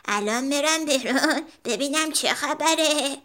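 A fearless young goat from a children's tale, bold and self-assured. A woman voices her high and bright, with a crisp edge. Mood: scolding.

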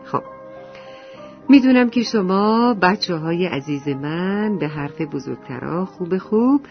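A storyteller narrating a story to children in a lively way, sometimes dropping to a whisper. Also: mid-range voice. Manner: animated, often dropping to a whisper. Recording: dull lo-fi recording with faint music.

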